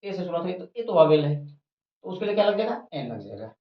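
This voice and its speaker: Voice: medium pitch, big pitch swings, brisk. Teacher drilling grammar at a board, repetitive. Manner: repeats each point, asks questions and answers them. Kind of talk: whiteboard grammar lesson. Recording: roomy, dull lo-fi recording.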